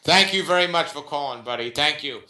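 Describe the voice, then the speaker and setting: A man hosting a call-in radio show with a smooth radio host delivery, greeting listeners and callers on air. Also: fairly high pitch, animated, brisk, sharp tone. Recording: echoey roomy sound.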